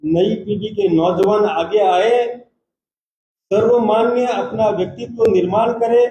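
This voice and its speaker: A man, a party state president, giving a formal, measured press conference statement and taking reporters' questions in turn. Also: sits high, steady tone, mellow, slight background noise. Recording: roomy echoey hall.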